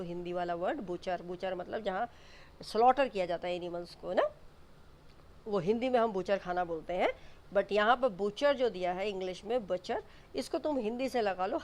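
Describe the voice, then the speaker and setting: A woman's voice: mid-range voice, moderate pace. A woman teaching English vocabulary for exams, explaining each word patiently, spelling terms out and repeating them. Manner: mixes Hindi explanations with English definitions. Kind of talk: exam vocabulary lesson.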